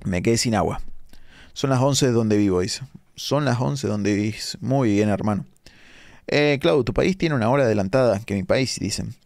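A man's voice: lowish voice, creaky, a little mellow, dry recording. A young Argentine man with a Rioplatense accent, streaming a game late at night and chatting with viewers as he reads out their comments. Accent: Rioplatense Argentine Spanish. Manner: chatty, reads chat comments aloud, quick asides. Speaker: live-streaming gamer. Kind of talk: casual live-stream commentary reading chat.

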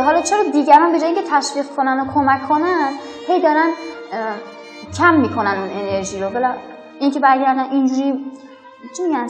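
A woman's voice: sits high, a bit bright. A young woman from Afghanistan, a schoolteacher, talking earnestly and reflectively in a documentary interview. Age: young adult. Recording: roomy echo with violin music over it.

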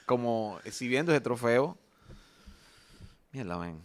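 Lively animated man. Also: mid-range voice, slow pace. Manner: animated, exclamatory, swears often. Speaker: panelist. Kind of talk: entertainment gossip talk.

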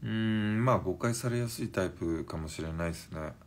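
A man in his forties chatting on a live stream and reading viewer comments, in a languid, drowsy-sounding, unhurried way. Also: low-pitched, slight background noise. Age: 40s.

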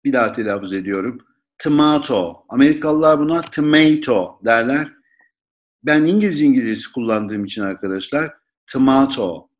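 A man teaching a vocabulary lesson, saying each word slowly and repeating it for pronunciation. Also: medium pitch, animated. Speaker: English teacher.

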